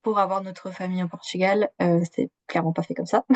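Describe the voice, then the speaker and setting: A young Swiss-born woman, a coach appearing as a podcast guest, chats casually in a conversational interview, full of fillers and quick to laugh. Her voice sits fairly low with fairly even intonation, and she talks briskly. The recording is lo-fi with no echo.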